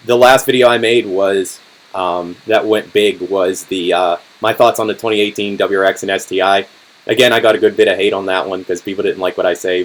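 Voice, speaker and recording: A young man in his twenties hosting a casual live-stream Q&A, talking in a relaxed, rambling way with lots of ums and restarts, his voice going hoarse. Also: low voice, low-quality recording. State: voice getting hoarse. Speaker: car channel host.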